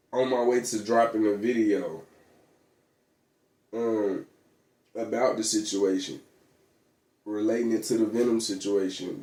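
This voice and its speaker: Low, dark-voiced man rambling in an echoey room. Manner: rambling, slangy, many fillers and restarts. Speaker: vlogger. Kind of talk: casual monologue.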